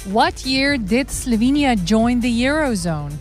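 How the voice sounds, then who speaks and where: Female co-host, bright pitch, cheerful quiz reader. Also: animated, unhurried, soft background music. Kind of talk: radio quiz chat.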